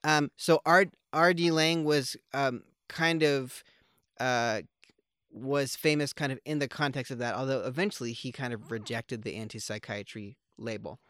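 Rambling man, smooth dry voice. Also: medium pitch, steady tone, normal speed, fairly bright tone, no echo. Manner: rambling, with many fillers and restarts; joking, wry. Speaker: podcast co-host. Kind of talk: casual conversational film chat.

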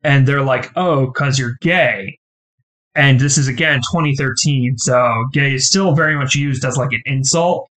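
A man co-hosting a casual podcast, telling a scene in a relaxed, rambling way with lots of "like". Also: mid-range voice, moderate pace, few pauses, poor audio. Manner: relaxed storytelling, heavy use of "like". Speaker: podcast co-host. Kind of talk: casual chat reviewing a show.

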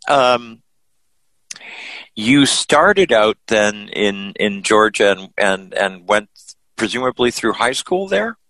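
A man hosting a conversational radio interview, speaking deliberately and haltingly with repeated words. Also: on the low side, very animated, fairly bright tone, no room sound, rough recording. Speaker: radio show host, interviewer.

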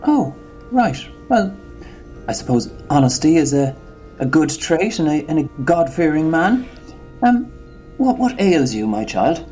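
A man's voice: fairly high pitch, big pitch swings, unhurried, dark tone, faint music behind. A man voicing a prim, sardonic parish priest in a comedy sketch, patient and mildly scolding. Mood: dry, scolding.

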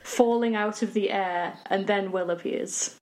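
A woman's voice: medium pitch, fairly even intonation, a little slow, a little mellow, rough recording. A woman narrating casually as game master of a tabletop role-playing game.

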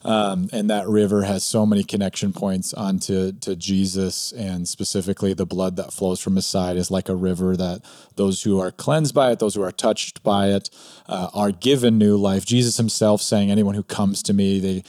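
A man's voice: sits low, fairly even intonation, moderate pace, a little mellow, dry recording, studio quality. A man, a pastor and podcast co-host, talking reflectively in casual chat with frequent restarts.

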